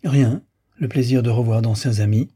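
A man reading a lovesick young gentleman. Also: medium pitch, moderate pace, husky, lightly acted. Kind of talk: audiobook character reading.

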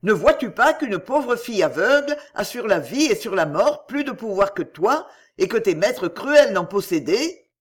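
A man reading aloud, voicing a hot-headed young Roman man shouting in fury. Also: high voice, very animated, measured pace, heavily acted. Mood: furious. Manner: loud, cursing.

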